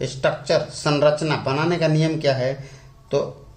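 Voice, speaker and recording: Slow-paced echoey male tutor. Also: a little high, steady tone. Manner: repeats key words slowly, drawn-out. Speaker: English grammar teacher. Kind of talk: explaining at a whiteboard. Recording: echoey room.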